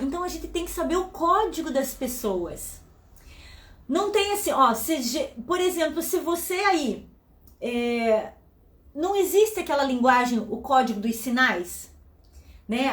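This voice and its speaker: A woman hosting a motivational talk for women, speaking fast, loud and very animated. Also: high voice, echoey room. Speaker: host.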